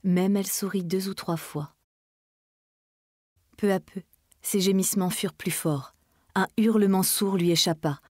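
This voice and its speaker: A woman reads a classic novel aloud in a measured, dramatic way. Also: mid-range voice, steady tone, darkish tone, no echo, studio quality. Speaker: reader. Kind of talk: literary reading.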